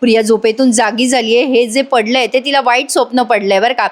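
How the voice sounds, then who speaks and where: High-voiced woman recapping a TV serial. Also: fairly even intonation, a little fast. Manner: chatty, addresses viewers directly. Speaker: TV serial reviewer. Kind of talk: voice-over episode recap.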